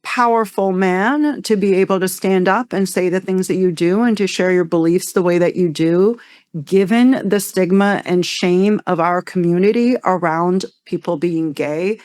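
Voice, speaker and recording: Casting: woman from Iran, podcast guest, smooth clear voice, dry close sound, open and emphatic. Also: lowish voice, normal speed, a little mellow, no room sound. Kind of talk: candid podcast conversation.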